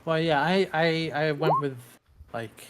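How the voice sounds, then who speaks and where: A man's voice: on the high side, a little slow, noisy background. A man playing in a tabletop game, hesitant, with restarts and fillers. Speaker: player.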